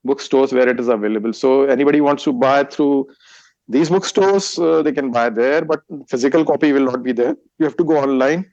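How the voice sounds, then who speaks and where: A gravelly, slightly mellow mid-range voice belongs to a Hindi-speaking Indian man with an Indian accent, a guest who writes books and teaches meditation. He replies to interview questions haltingly, restarting often and using lots of fillers, in a dry, lo-fi recording.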